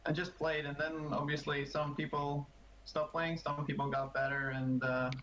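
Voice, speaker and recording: Flat-voiced man on a roomy lo-fi mic. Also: fairly high pitch, moderate pace, slight background noise. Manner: steady, matter-of-fact advice. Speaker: talk show guest. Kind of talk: casual chat.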